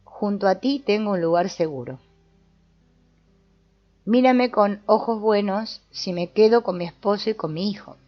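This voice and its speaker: A woman giving a calm, measured scripted narration. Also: mid-range voice. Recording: dull lo-fi voice-over with soft guitar music.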